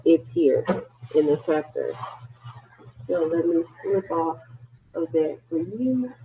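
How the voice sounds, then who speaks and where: A man's voice: on the high side, lively intonation, slow pace, background noise. A man giving an online class lecture as a nursing instructor. He explains step by step and jokes lightly now and then. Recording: tinny phone-like audio.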